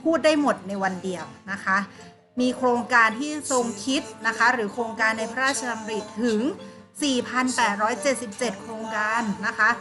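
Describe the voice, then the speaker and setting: A woman's voice: on the high side, normal speed, music in the background. A woman teaching an online primary school class, patiently explaining and asking her pupils questions. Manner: patient, coaxing, asks pupils questions and answers them herself.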